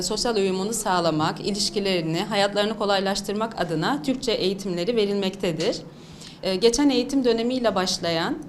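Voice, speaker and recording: A woman of middle pitch gives a formal statement in an interview, phrasing things officially. A little noise is heard behind her. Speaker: municipal centre official.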